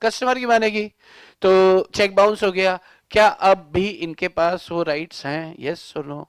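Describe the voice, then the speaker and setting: A male law teacher lecturing a class in a lively, teasing manner, scolding students with coarse slang. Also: high-pitched, unhurried, smooth, no echo.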